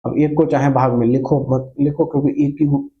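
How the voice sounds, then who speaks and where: A man's voice: medium pitch, flat delivery, a little fast, dull audio. Patient male Hindi math teacher. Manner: patient, repeats steps and asks the class questions; mixes Hindi with English terms. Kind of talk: step-by-step classroom explanation.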